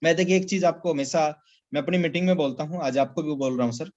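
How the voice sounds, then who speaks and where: A man's voice: a little high, fast talker, darkish tone. A man giving a motivational business talk in a webinar, emphatic and repetitive, often addressing listeners as sir. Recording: slightly dull lo-fi audio.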